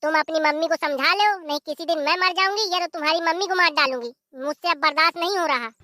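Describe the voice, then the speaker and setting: Someone voicing a defiant, squeaky cartoon daughter-in-law. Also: fast talker, heavy background noise. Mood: sulky. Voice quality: sulky, defiant, sarcastic. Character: stubborn, defiant young village wife.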